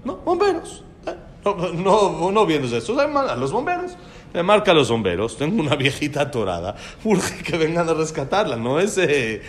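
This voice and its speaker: A man telling a story to a class, animated and acting out the dialogue. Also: mid-range voice, a little hiss or hum.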